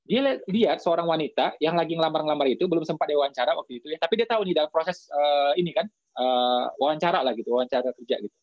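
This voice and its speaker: A man preaching in a casual storytelling style to a live audience, chatty, with lots of filler tags and lively quoted dialogue. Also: on the high side, fast talker, no room sound, highs cut off.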